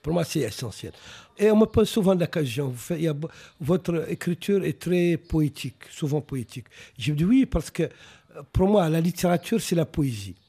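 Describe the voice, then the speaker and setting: A Mauritanian novelist whose first language is Arabic gives reflective radio interview answers, often pausing and restarting his sentences. His voice is on the high side and animated, with a dark tone and a breathy edge.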